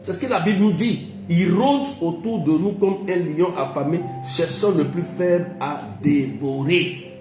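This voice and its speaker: A man's voice: a little high, unhurried, reverberant, music in the background. A man preaching a sermon as pastor, emphatic and repetitive, asking the congregation whether they understand.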